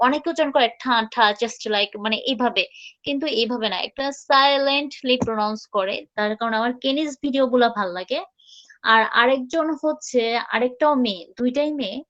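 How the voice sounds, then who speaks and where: A woman teaching English pronunciation in a live online class, chatting casually and repeating words slowly for students to copy. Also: sits high, a bit bright, highs cut off.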